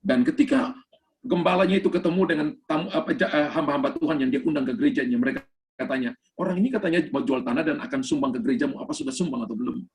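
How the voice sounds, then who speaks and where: A man's voice: fairly high pitch, quick pace. A man preaching a sermon over a video call, emphatic and storytelling, slipping English phrases into his talk. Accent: Indonesian. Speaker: pastor.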